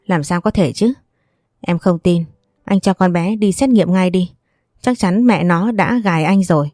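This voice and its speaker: A woman's voice: on the low side, unhurried, mellow, dry recording, studio quality, natural voice. A woman voicing a suspicious, middle-aged younger brother who talks bluntly and accusingly. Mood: indignant.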